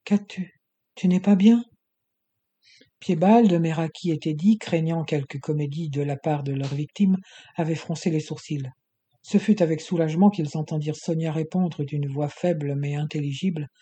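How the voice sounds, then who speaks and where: A male narrator reading an adventure novel aloud in a steady, measured way. His voice is husky with a dark, mellow tone, pitched a little high for a man. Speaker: audiobook narrator. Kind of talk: scripted audiobook narration.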